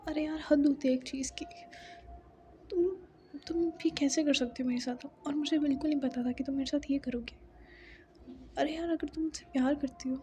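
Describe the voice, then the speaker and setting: A woman's voice: high-pitched, mellow, a little hiss or hum, close to an everyday voice. A woman voicing a furious, hurt young woman who scolds her lover, mixing Hindi and English. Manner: accusing, tearful scolding.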